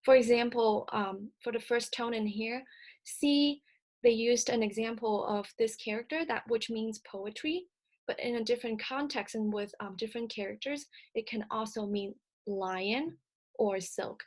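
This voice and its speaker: Her tone darkish and her pitch a little high, a native Cantonese speaker walks through a recorded slide lecture. She explains in a measured manner and often uses filler sounds.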